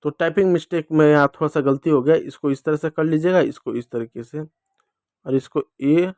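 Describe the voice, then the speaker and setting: A male teacher giving a children's reading lesson, addressing the kids directly and drawing out each letter sound slowly, asking and answering his own questions. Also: fairly high pitch, a little mellow, no echo, clean studio sound. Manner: slow, drawn-out sounding of letters.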